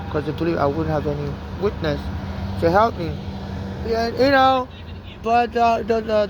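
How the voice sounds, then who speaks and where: With a lowish voice against background noise, a woman from Nigeria rambles urgently through a street monologue, restarting and saying "you know" a lot. Her accent blends Nigerian and American.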